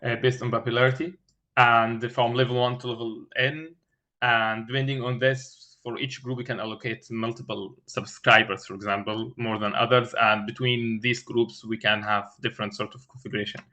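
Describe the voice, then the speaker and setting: A man explaining a technical design as an interview candidate, haltingly, searching for words with many filled pauses and repeated starts. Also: mid-range voice, fairly even intonation, bright, forceful tone. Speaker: engineering candidate in a mock system design interview. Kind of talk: thinking aloud through a technical design explanation.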